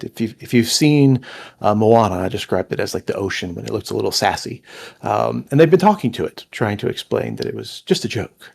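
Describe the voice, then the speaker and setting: A man narrating as game master for an online tabletop game, with a halting delivery full of fillers. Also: mid-range voice, gravelly, darkish tone.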